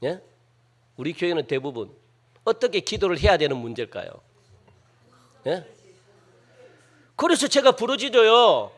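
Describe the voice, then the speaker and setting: A male pastor preaching a sermon, questioning his congregation and acting out loud, pleading prayers with strong emphasis. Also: sits high, sing-song, a little slow, long pauses.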